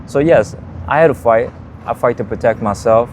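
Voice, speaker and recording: A man in his thirties from Liberia, speaking with a Liberian accent, telling his life story as an interview guest in a plain, steady way. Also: mid-range voice, normal speed, slight background noise. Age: 30s.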